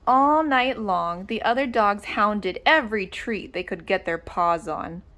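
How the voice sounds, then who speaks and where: A woman reading a children's story aloud with dramatic, deliberate expression. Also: medium pitch, a bit bright. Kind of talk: animated read-aloud narration.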